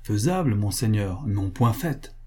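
A man's voice: lowish voice, animated, a little mellow, breathy edge. A man reading as a curt, ironic financier. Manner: curt and measured. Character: cold, cutting male financier, ironic.

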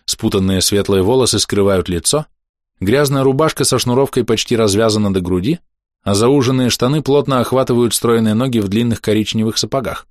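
A man narrating a fantasy audiobook in a measured, steady storytelling manner. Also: on the low side, dry recording, studio quality.

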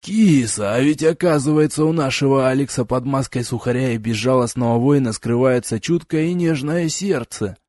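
A man voicing a male demon friend in an audiobook, speaking in a bantering, lively way. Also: medium pitch, moderate pace, no room sound, studio quality, lightly acted. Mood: teasing.

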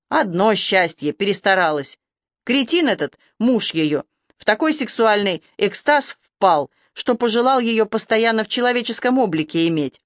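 A woman voicing a gruff old male werewolf police major who rants and lectures. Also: mid-range voice, fairly bright tone, dry recording, clean studio sound, close to an everyday voice. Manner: ranting, lecturing.

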